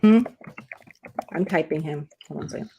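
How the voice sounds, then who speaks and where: A woman hosting a relaxed kitchen chat stream, chatty and laughing often, talking to her viewers. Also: low voice, moderate pace, creaky, a little hiss or hum. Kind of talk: casual chat.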